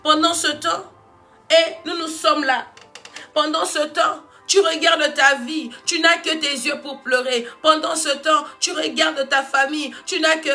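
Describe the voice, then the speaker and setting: A woman preacher delivering a fervent sermon, repeating phrases and rising to emphatic shouts. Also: high-pitched, steady tone, a little slow, faint music behind.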